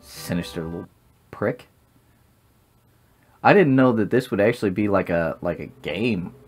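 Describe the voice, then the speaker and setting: A man's voice: lowish voice, lively intonation, measured pace, slightly rough, soft background music. A young man giving casual, blunt, joking game commentary with plenty of swearing. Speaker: gaming video host.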